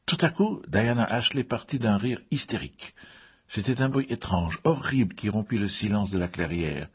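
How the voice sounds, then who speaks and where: A man narrating a mystery story in a measured way, with the odd filler. His voice is low and husky. The recording is dull and muffled. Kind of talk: audiobook reading.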